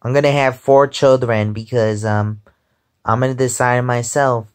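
A man's voice: mid-range voice, fairly even intonation, a little slow, clear, resonant tone. A man of twenty-five chatting casually in a rambling way, often repeating "because, um", while lying in bed at home and filming on a phone held close. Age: 20s. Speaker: vlogger. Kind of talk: casual chat. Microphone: phone held close above face.

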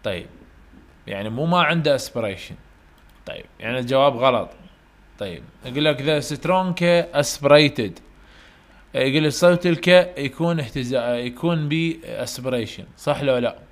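Iraqi male lecturer, mid pitch, slow on the English, quizzes his students. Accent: Iraqi Arabic. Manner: explains in Arabic, reads English questions slowly and carefully; asks students questions and answers them himself. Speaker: university English teacher. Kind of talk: online lecture.

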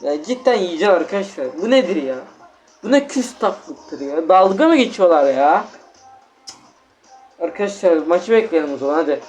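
A man commentating his own gameplay for viewers, excitable and easily exasperated, with game music behind him. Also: high-pitched, moderate pace. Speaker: gaming channel host.

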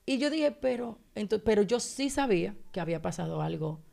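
A woman, a guest on a radio talk show, tells an emotional personal testimony, acting out the dialogue as she goes in an animated storytelling style. Her voice is medium-pitched with vocal fry, and she speaks a little fast.

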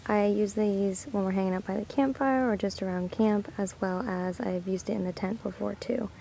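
Young woman vlogger, relaxed chatty delivery, warm gravelly tone, faint outdoor hiss. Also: mid-range voice, normal speed, poor audio. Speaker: dog owner vlogger. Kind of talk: casual product walkthrough vlog. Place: outdoor campsite.

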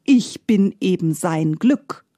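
A night-time sower spirit of luck, as a woman storyteller puts it on, gives curt, offhand answers in a slow, dark voice. The sound is husky and dry. A storybook figure. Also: fairly low pitch, animated, dry recording.

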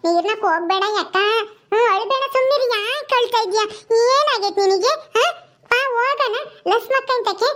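A woman voicing Paddu, a simple, childlike and kindly village woman who talks slowly and soothingly. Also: extremely high pitch, noisy background. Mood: soothing, pleading. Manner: slow, soothing, repeats herself. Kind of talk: village comedy skit.

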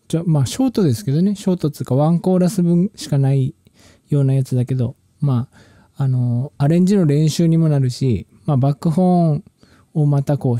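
A man with a very mellow, warm voice sitting slightly high, chatting about his music in a loose, slangy ramble full of restarts. The sound is dry and close, with no room around it. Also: dry recording. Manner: relaxed, rambling, slangy speech with many restarts. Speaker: musician and channel host. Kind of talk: casual talk about music production.

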